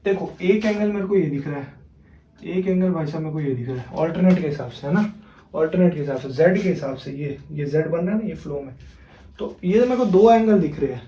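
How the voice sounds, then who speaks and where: A man's voice: a little high, a little fast, warm tone. A young man from India teaching math in a casual, chatty way, often checking in with his students. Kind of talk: casual classroom lecture. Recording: echoey room.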